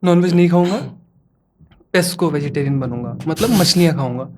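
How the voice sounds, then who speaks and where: A man's voice: fairly high pitch, brisk, darkish tone, slight background noise. Man with a raised voice telling teasing anecdotes. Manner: teasing, builds anecdotes with quoted dialogue. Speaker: stand-up comedian guest. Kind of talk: casual podcast storytelling.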